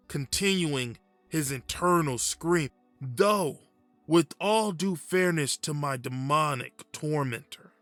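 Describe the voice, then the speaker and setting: Man acting a slow, haunted horror narrator, hushed. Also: fairly high pitch, no room sound. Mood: creeping dread. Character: frightened confused man haunted by screaming apparition, wry. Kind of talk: first-person horror story narration.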